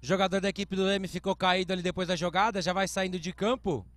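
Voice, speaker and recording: A man's voice: high voice, fairly even intonation, quick pace, fairly bright tone, no echo. A Brazilian man giving live American football play-by-play commentary, explaining calls in short announcer phrases. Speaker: sports commentator.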